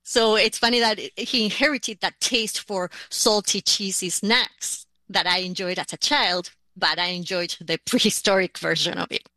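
A woman's voice: medium pitch, fairly even intonation, normal speed, hardly any pauses, bright, forceful tone, no echo. A woman from Argentina, answering interview questions in a casual, lightly humorous way. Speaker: listener interviewee.

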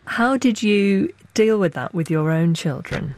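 A woman radio presenter reading crisp scripted links and asking interview questions. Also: medium pitch, lively intonation, measured pace, darkish tone. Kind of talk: broadcast presenting.

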